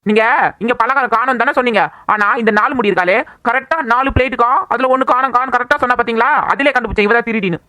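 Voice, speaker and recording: A woman voicing a chatty, bossy young village woman in a cartoon, talking fast and scolding. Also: on the high side, sharp tone, no room sound. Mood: accusing. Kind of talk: cartoon voice acting.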